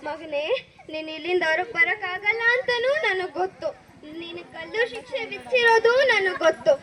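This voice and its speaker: A woman's voice: extremely high pitch, moderate pace, a crowd in the background. A woman playing a weeping grieving mother. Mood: grieving, pleading. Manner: sobbing, pleading. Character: grieving middle-aged mother, tearful, pleading. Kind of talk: school stage play.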